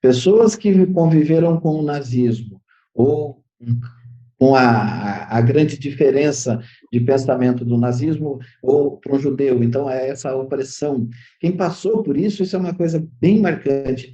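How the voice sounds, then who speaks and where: A man's voice: mid-range voice, dark tone. A Brazilian man, a therapist, explaining his ideas in an interview with many fillers and restarts. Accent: Brazilian Portuguese. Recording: dull lo-fi audio.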